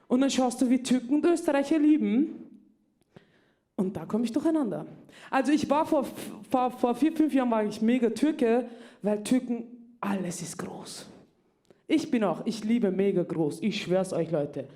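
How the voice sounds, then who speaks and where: A woman's voice: a little high, moderate pace, dark tone. A woman, doing a stand-up comedy set in a club and confiding in the crowd. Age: 30s. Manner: chatty, confiding, addressing the crowd directly.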